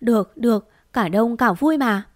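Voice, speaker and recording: A woman's voice: fairly high pitch, moderate pace, no room sound, lightly acted. Woman doing kindly old woodcutter dad, fatherly, storybook, dry close sound.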